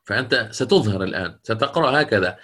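A man's voice: lowish voice, expressive, fairly bright tone. Man teaching Quran recitation rules. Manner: explanatory, repeats key phrases, chants verse examples slowly. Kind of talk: lecture on Quranic readings.

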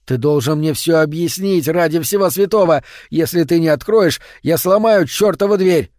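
A man's voice: on the high side, animated, normal speed, darkish tone, no room sound, clean studio sound, voice pushed up, close to an everyday voice. A man voicing a frightened young man who talks in a raised, urgent, pleading voice. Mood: angry.

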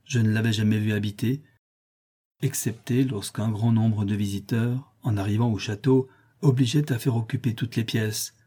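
A man narrating a classic novel as an audiobook in a measured, descriptive reading. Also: on the low side, fairly even intonation, mellow, breathy edge.

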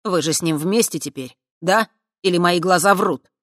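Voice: medium pitch, normal speed, fairly bright tone, no echo, studio quality, lightly acted. A reader doing a cold, proud young man. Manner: clipped, cold delivery. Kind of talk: audiobook character voice.

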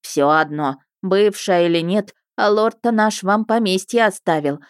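A woman's voice: medium pitch, a little slow, no echo, clean studio sound, natural voice. A woman voicing a fussy, doting village peasant woman who clucks and laments in folksy speech. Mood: fussing.

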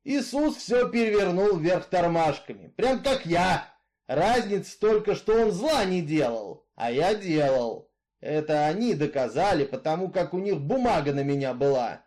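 A man's voice: on the high side, lively intonation, unhurried, darkish tone. Man doing a bitter brooding outlaw. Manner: rough folksy drawl, brooding, growling at times. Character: brooding bitter male killer, middle-aged outcast.

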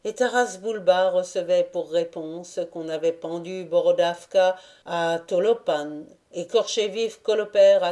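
Give me a woman reading a classic novel aloud, slow and deliberate, with a dark, mellow tone. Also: lowish voice. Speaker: audiobook narrator. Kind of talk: audiobook narration of a classic novel.

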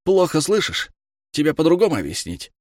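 A man's voice: a little high, wildly swooping pitch, brisk, no room sound, studio quality, voice pushed up. Man playing a snarling teenage bully. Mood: menacing. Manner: snarling, hissing threats. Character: arrogant teenage boy bully, baron's son, hot-tempered.

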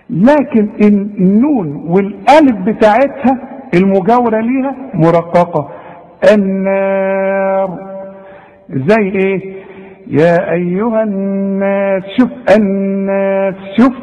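Animated Egyptian man teaching recitation. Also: sits high, in a large hall, muffled recording. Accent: Egyptian Arabic. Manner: animated, addresses the student directly and models the correct pronunciation. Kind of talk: Egyptian Arabic tajweed lesson.

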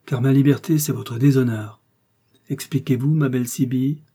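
In this audiobook, a man reads a vengeful young noblewoman with dark, husky tones. She speaks in an impassioned, dramatic way and stays defiant throughout. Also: mid-range voice, fairly even intonation, normal speed. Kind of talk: audiobook reading.

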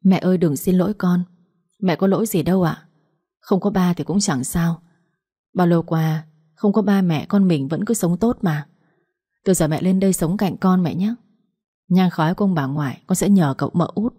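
A devoted young daughter in an audiobook love story, soft and comforting, as a woman reads her. Her voice is mellow and breathy. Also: lowish voice, moderate pace. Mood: tender.

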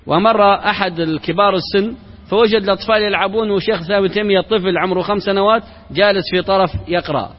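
A man's voice: high voice, rapid-fire. A man, an Islamic sheikh, giving a religious lecture built on rhetorical questions and parables, mixing formal speech with everyday colloquial words. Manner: mixes formal Arabic with colloquial. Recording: reverberant hall, dull lo-fi sound.

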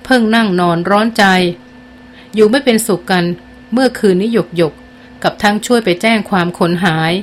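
A woman's voice: medium pitch, moderate pace, a little hiss or hum. Woman narrating a novel. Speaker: audiobook narrator.

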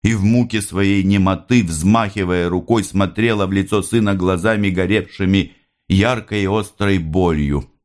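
A man narrating a classic novel in a measured, expressive reading. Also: low voice. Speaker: audiobook narrator. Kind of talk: scripted literary narration.

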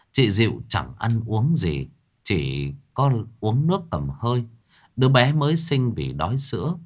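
A man narrating a horror story in a dramatic storytelling manner. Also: fairly low pitch.

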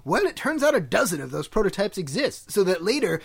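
A man hosting a film podcast, talking in a quick, exasperated and sarcastic way. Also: high voice, very animated, gravelly, breathy edge. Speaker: podcast host. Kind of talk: casual film discussion.

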